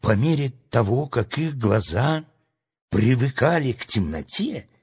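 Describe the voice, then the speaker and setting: A man narrating a storybook aloud in an expressive, dramatic way. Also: medium pitch, unhurried, breathy edge.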